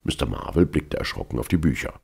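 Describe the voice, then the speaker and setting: A man narrates a novel in a very deep, gravelly voice with a husky edge. His reading moves lively up and down. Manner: measured literary reading. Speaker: audiobook narrator. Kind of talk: scripted narration.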